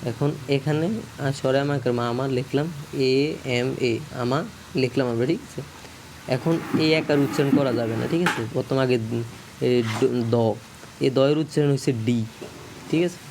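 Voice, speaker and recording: Brief: man teaching a casual video lesson, middle pitch, halting, self-correcting, faint noise behind. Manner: repeats checks for understanding.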